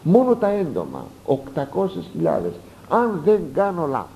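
A man preaching a sermon, reading passages aloud and explaining them with lively asides and sudden rises for emphasis. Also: a little high, poor audio. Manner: animated, rising sharply for emphasis, explanatory asides. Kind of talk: sermon expounding a text.

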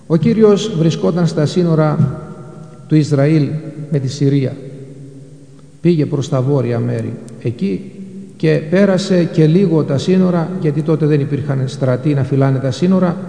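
Male preacher, mellow tone, sermon in a reverberant church. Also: on the high side, creaky. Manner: retells Gospel passages, quoting scripture in old Greek and explaining it.

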